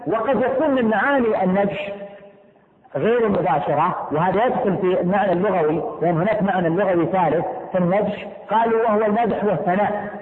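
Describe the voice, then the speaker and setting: A man's voice: high voice, fast. A man teaching a class, explaining step by step, repeating key points and putting questions to his students. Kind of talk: classroom lesson on law. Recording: echoey room, tinny phone-like sound.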